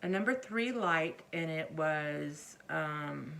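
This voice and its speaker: A woman's voice: low voice, animated, slow pace, a bit bright. A middle-aged woman casually showing her things to camera as a vlogger, speaking hesitantly and often trailing off or correcting herself. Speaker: crochet vlogger. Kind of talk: casual rambling show-and-tell to camera. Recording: faint background noise, occasional chair creaks.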